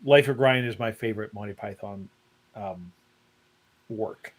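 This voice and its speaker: A man's voice: on the low side, measured pace. A Canadian man co-hosting a casual live chat show, talking in a rambling, chatty way with many restarts. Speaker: co-host.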